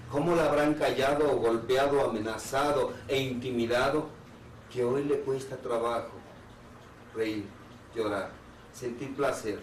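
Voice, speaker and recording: An earnest man gives a talk as a therapist, building his points through repeated rhetorical questions and measured pauses. His voice sits at an ordinary middle pitch. It carries from some distance through a roomy, echoing space with a faint hiss beneath it. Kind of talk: public talk on anxiety. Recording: roomy hall sound from a distant mic.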